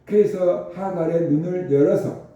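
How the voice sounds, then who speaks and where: A pastor delivers an unhurried sermon in a very reverberant church sanctuary, his fairly high voice dark and mellow. He explains Scripture and keeps asking rhetorical questions. The mic is distant, making the sound somewhat dull.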